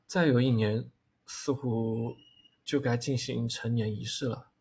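A man voicing a middle-aged clan-leader father who speaks affectionately, with chuckles, in a gravelly, husky voice. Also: medium pitch, steady tone, normal speed, darkish tone. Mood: rueful.

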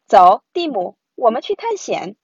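A woman's voice: fairly high pitch, big pitch swings, measured pace, husky, dry recording, highs cut off, full character voice. A woman voicing a confident big sister in a storybook, who explains things in a bossy, reassuring way.

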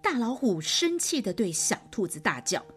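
A woman reading a children's story aloud, animated and gentle, speaking to the child listening. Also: mid-range voice, moderate pace, breathy edge, soft background music.

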